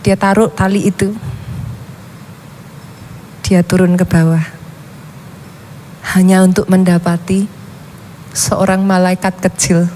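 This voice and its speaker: A woman's voice: on the low side, level tone, takes it slowly, pauses often, warm tone, slight background noise. A woman pastor preaching, telling a story dramatically and often addressing her listeners directly. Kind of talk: sermon storytelling.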